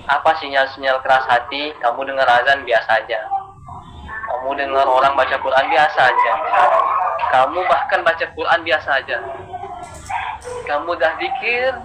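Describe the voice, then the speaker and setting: A man preaching a casual sermon, earnest and colloquial, dropping in Arabic terms as he talks. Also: medium pitch. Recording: noisy recording.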